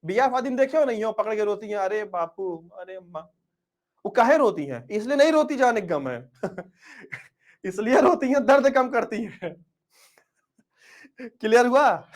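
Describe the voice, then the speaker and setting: Male teacher, high-pitched voice, energetic, rousing, mixes in English words. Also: normal speed, pauses often. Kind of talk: online class lecture.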